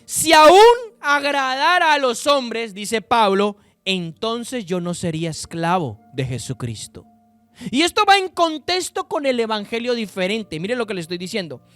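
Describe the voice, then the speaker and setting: Male preacher, high voice, emphatic sermon delivery, speaks straight to his listeners, dry close sound. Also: fairly bright tone, dry recording. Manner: slow, emphatic scripture reading with sudden pitch rises and drops; addresses listeners directly. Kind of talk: sermon with Bible reading.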